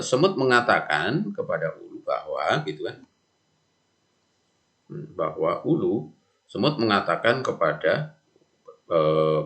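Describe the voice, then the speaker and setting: A middle-aged male teacher giving a lesson, explaining calmly with frequent fillers and self-corrections. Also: sits low. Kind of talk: classroom lesson narration.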